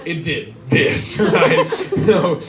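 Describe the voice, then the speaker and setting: Self-mocking comic, loud crowd. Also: male voice, on the high side, extremely slow. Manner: self-deprecating, animated, acts out voices. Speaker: stand-up comedian. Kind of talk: stand-up set. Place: small club stage. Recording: distant mic, loud crowd laughter.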